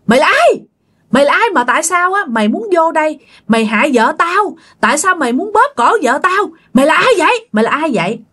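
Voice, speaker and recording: A woman playing a furious husband who shouts angry, repeated questions. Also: sits high, sing-song, fairly quick, voice pushed up. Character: furious husband defending his pregnant wife.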